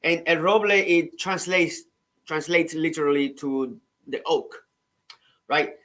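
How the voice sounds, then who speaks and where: A middle-aged Cuban man, an author who hosts his own channel, tells his story casually in a slightly high, fairly bright voice. He speaks conversationally but haltingly, restarting often and adding frequent "right?" tags.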